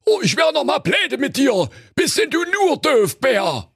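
Squawky comic wolf, gravelly and swooping, bossy and cranky, for a spoof fairy tale. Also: male voice, extremely high pitch, wildly swooping pitch, measured pace, a bit bright, no echo, studio quality, voice pushed up, heavily acted. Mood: exasperated. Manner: squawking and bossy, snapping at his partner. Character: big bad male wolf, greedy, bossy and cranky.

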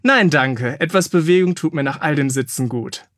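A man voicing a fierce, commanding warrior mother in a children's audiobook, in a high, sharp, threatening tone. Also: moderate pace, no room sound, clean studio sound, close to an everyday voice. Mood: calm.

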